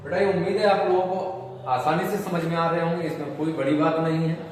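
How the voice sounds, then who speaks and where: Male tutor, fairly high voice, patient and repetitive, recorded far from the mic in an echoey room with faint noise. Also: fairly even intonation, fast. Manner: patient, repetitive, calls students "beta". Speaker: chemistry teacher. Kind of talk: classroom lecture. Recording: roomy echo, distant mic, faint noise.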